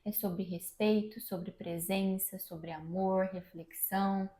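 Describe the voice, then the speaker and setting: A woman, a mother co-hosting, giving measured parenting advice in a casual chat at home. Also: mid-range voice, steady tone, warm tone. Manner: measured, advice-giving, repeats key phrases. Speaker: mother and channel co-host. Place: room at home. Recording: echoey room.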